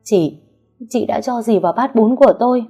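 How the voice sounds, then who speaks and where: A woman voicing a spoiled, shrill young pregnant sister-in-law in an audio story. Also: brisk, dark tone, soft background music, lightly acted. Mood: anguished. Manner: shrill and whiny.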